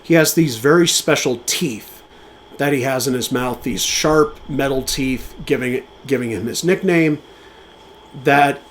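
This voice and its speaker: A man's voice: on the high side, slight background noise. Enthusiastic man talking movies on a podcast. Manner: enthusiastic, talks in quick bursts with fillers and restarts. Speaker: podcast co-host. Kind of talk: casual film commentary.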